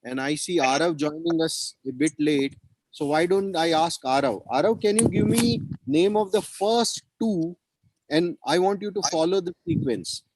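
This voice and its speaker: A man's voice: on the high side, moderate pace, darkish tone, slight background noise, rough recording. A man teaching children over a video call, encouraging them and repeating his praise and questions. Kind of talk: online children's class.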